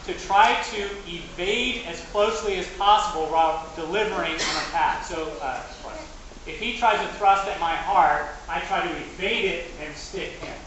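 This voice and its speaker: High-voiced man demonstrating in a very echoey space. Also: moderate pace, a crowd in the background. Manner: instructional, talking to audience and partner; physically active while talking. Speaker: fight director and demonstrator. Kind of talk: live stage combat demonstration. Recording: echoey, noisy space, distant mic.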